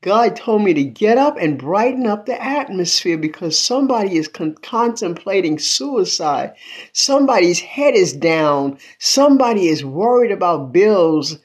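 A woman's voice: medium pitch, animated, a little slow, darkish tone. An 82-year-old woman chatting on a phone livestream from a small room at home, calling out praise and thanks to God between greetings to viewers. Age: 80s. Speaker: livestream host. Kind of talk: casual livestream chat. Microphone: phone at arm's length.

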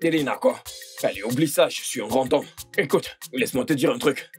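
A man's voice: medium pitch, brisk, a little mellow, lightly acted. A man voicing a boastful young villager. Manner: boastful and teasing. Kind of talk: French film dub. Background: background music.

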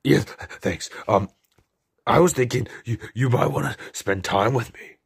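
A man voicing a boastful, clingy male turtle king with spikes, whining and pleading with a raspy, gravelly voice in an amateur comedy skit. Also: mid-range voice, measured pace. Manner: whiny, pleading, mumbling asides.

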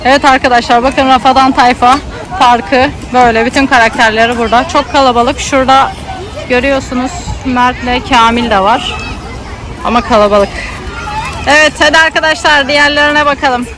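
A vlogging mother with a high voice and an Istanbul Turkish accent records her child outdoors at a children's theme park, surrounded by the noise of a busy crowd. She speaks fairly quickly in a steady tone, chatting casually and turning back and forth between the child and her audience.

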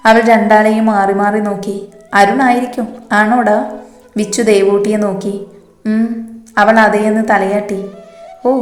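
A woman's voice: medium pitch, a little mellow. Woman narrating a story in an echoey room. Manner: reads all characters in her own voice, with light shifts. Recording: echoey room with faint music. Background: faint background music.

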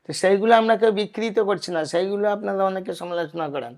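A man in a devotional discussion, explaining in an earnest, measured way. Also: sits high, darkish tone.

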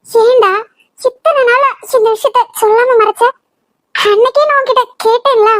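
A performer voicing a caring, perceptive middle-aged mother in a cartoon, who gently scolds and probes her son. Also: extremely high pitch, fairly even intonation, moderate pace, no room sound. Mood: knowing. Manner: gently scolding, probing, affectionate. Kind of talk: cartoon voice acting.

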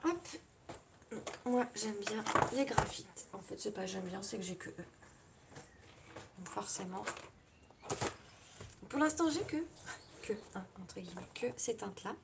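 A woman with a French accent hosts a relaxed live crafting tutorial, talking viewers through each step and peppering it with small asides. Her voice sits at an ordinary middle pitch. A loud steady noise and scattered clicks run under the whole recording. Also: unhurried, vocal fry, pauses often. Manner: chatty, narrates each step with little "hop" and "voilà" asides.

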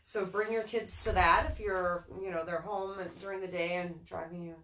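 A woman's voice: fairly low pitch, steady tone, normal speed, a bit bright, a little hiss or hum. A woman from Northern Virginia co-hosting a casual live stream, reading listings in an easygoing way with small chuckles. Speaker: co-host. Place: local speed shop, indoors. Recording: echoey room, far from mic.

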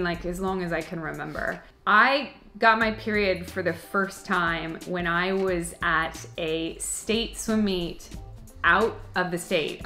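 Bright-voiced woman chatting playfully to camera. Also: fairly low pitch. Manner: chatty and playful, laughs often. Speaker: channel host answering viewer comments. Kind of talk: casual chat to camera. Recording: echoey room.

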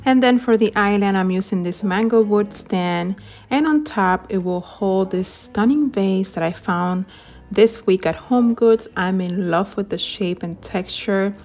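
A woman narrating her home decorating and baking in a gentle, enthusiastic voice-over, walking through each step. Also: medium pitch, a little slow, soft background music. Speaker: home and cooking vlogger.

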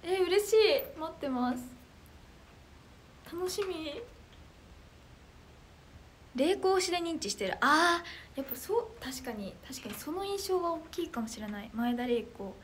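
Reading out comments from her viewers, a young woman keeps her livestream chat casual and her reactions bubbly and excitable. The voice is high, loud, clear and anime-like, carrying easily; she talks a little slowly with long pauses, over a faint hiss or hum.

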